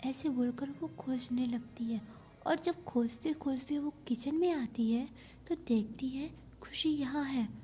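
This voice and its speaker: A woman narrating a love story in a soft, half-whispered storytelling voice. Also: sits high, unhurried.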